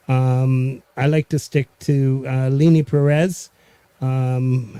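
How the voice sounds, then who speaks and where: A man with a French Canadian accent hosting a casual, unscripted live stream, halting and pausing mid-sentence. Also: mid-range voice, warm tone, clear, resonant tone, dry recording. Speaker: host of a music community live stream.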